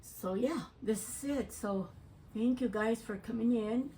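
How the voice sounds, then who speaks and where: A woman hosting a home cooking vlog, talking to her viewers in a slow, unhurried way. She is chatty and affectionate and hums with pleasure as she tastes. Faint clinks of dishes and cutlery can be heard in the kitchen behind her. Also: on the high side, warm tone, slight background noise. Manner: chatty, affectionate, addresses viewers as "you guys" and "my doves"; savors food aloud with hums while eating. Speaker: cooking channel host.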